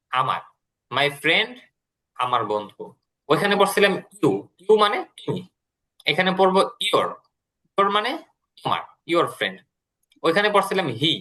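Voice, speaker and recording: Bright-voiced teacher explaining patiently. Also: male voice, on the high side. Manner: explains patiently, repeating words and translations. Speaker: English teacher. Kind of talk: classroom lesson.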